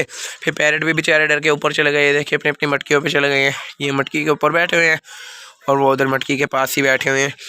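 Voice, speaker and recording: On an outdoor rooftop bird enclosure, a young man with a Pakistani Urdu accent feeds his birds for a vlog, rambling plainly and casually to viewers about feeling feverish and unwell. His slightly high voice is pushed and bright, with slight background noise and chickens and birds clucking.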